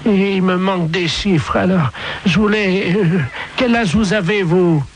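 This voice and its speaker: A man putting on a high-voiced deaf old lady. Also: measured pace, noisy background. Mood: chatty. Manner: mishears everything, fussy and plaintive. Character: deaf muddled old woman with hearing aid. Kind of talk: prank phone call.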